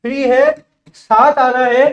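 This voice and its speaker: In a bilingual classroom lesson, a man teaching spoken English explains words in Hindi, then says each English example slowly and carefully, repeating words and asking the class questions back. His voice is extremely high and flat, with a roomy, muffled sound.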